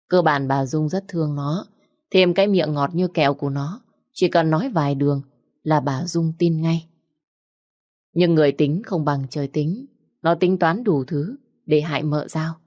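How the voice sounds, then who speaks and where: Female story narrator, low voice, dry close sound. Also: a little mellow, dry recording.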